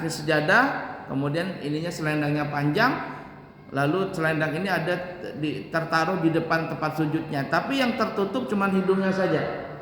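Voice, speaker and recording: A man giving a religious lesson on prayer, slowly demonstrating recitations and explaining them in quick asides. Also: high voice, fairly bright tone, slight background noise. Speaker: religious teacher. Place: large hall at an Islamic boarding school. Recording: echoey hall with long reverb, faint ambience.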